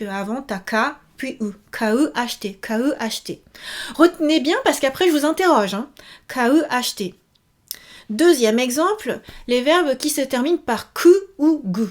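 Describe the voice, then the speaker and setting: A woman giving a casual video lesson, chatty, with many fillers, repeating each example word. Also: fairly high pitch. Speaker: Japanese teacher.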